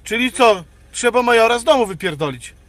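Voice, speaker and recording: A man's voice: very high voice, animated, fairly quick, a bit bright. A man filming and chatting, teasing people with probing questions.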